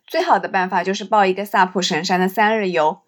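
Female storyteller, medium pitch, reflective scripted travel narration with a literary turn. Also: steady tone, quick pace. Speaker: storyteller and host.

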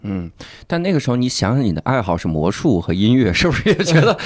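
A man's voice: medium pitch, very animated, quick pace, a little mellow. A man co-hosting a podcast who chimes in with teasing, jokey remarks. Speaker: podcast co-host. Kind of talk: casual podcast chat.

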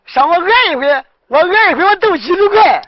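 Male comic as cheeky beggar singer, very high lively voice, dull lo-fi sound. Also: brisk, no echo. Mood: boastful. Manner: sly, teasing banter. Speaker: comic actor. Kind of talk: comic sketch dialogue. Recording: dull lo-fi recording, faint hiss.

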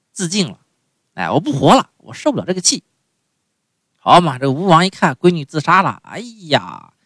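A male storyteller with a low voice that swings widely as he tells a comic folk tale. He chats with his listeners and keeps tossing in asides. The sound is dry and close. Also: fairly bright tone, no room sound. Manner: chatty, lots of "哎" and "对吧" asides.

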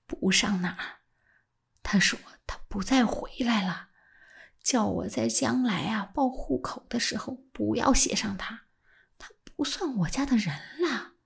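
A woman voicing an old male scholar with a husky voice, speaking low and hushed, almost whispering, then rising into fierce passion. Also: animated, a little slow.

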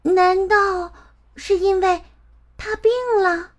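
A woman voicing an innocent little girl in a storybook, with a high, earnest, childlike voice. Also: fairly even intonation, slow. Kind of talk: storybook voice acting.

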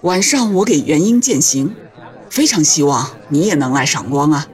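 A woman reading an audiobook, voicing a courteous male businessman in a lowered voice. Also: animated, moderate pace, a little mellow, some chatter behind.

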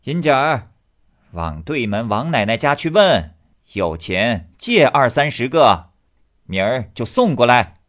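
A man voicing a sharp-tongued, stingy middle-aged wife who nags shrilly. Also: big pitch swings, takes it slowly. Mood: nagging. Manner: shrill, nagging.

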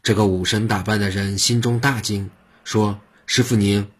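A man narrating a traditional story in a measured, vivid storytelling tone. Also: fairly low pitch, steady tone, breathy edge.

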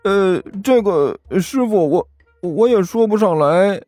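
A man's voice: sits high, animated, slow, darkish tone, dry recording, clean studio sound, soft background music, pitched above the performer's own voice. A man voicing a timid, hesitant young male apprentice who stammers and speaks in a raised voice.

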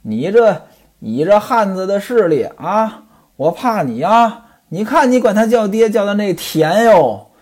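A man's voice: sits high, lively intonation, measured pace, darkish tone, slightly rough, voice pushed up, full character voice. A man reading a brash, mocking hanger-on. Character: crude teasing male hanger-on, mocking and brash.

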